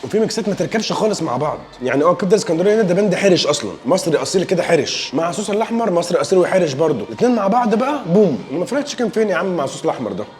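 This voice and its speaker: Racing with hardly a pause, this young man speaks in a high-pitched, sing-song voice with an Egyptian Arabic accent. He's tasting food for a casual vlog, full of playful jokes and enthusiastic remarks about the dishes.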